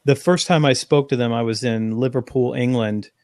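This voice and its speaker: A man, a guest on an interview, telling an animated anecdote in long run-on phrases. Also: mid-range voice, moderate pace, dry recording, studio quality. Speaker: interview guest, sales speaker. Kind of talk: conversational storytelling.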